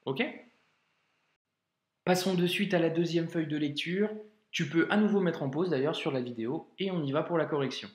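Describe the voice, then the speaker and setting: A man teaching a video lesson in a patient, informal way, talking straight to the learner and drawing out example words slowly. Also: a little high. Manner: slow, drawn-out modeling of example words. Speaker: Arabic reading teacher. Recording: echoey room.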